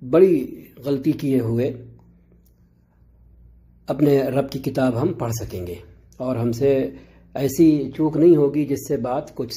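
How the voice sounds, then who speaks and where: A man teaching Arabic pronunciation in a slow, measured lesson, pausing often and repeating key letters. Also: mid-range voice, warm tone. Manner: slow and measured, with frequent drawn-out pauses and repetition; clears his throat now and then. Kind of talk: explanatory lesson.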